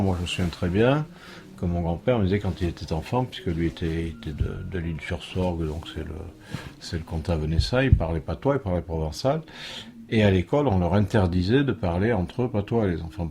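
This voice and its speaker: A man's voice: low voice, gravelly, mellow. A middle-aged man from France answering an interview question at length, thoughtful and hesitant, with many fillers and restarts. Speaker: interviewed religious teacher.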